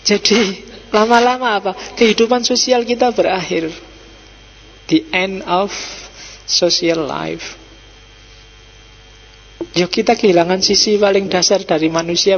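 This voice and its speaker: Middle-aged Javanese-accented male lecturer, chatty and teasing, raised pitch, dull recording with faint hum. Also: fairly even intonation, a little slow, long pauses, fairly bright tone, in a large hall. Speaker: philosophy lecturer. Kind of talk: relaxed Islamic study-circle lecture. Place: mosque hall.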